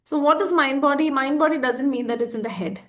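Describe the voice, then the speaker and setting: Woman, high voice, earnest practitioner who leans on repetition. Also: a little fast. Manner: earnest, repeats words for emphasis. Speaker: EFT practitioner guest. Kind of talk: conversational explanation.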